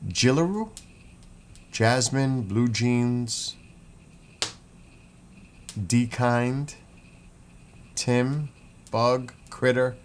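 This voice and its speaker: He's a livestream host from New York state with a mid-range voice, speaking very slowly and pausing often. His chatty, meandering talk keeps breaking off so he can read names and comments. Clear background noise and room tone fill the recording.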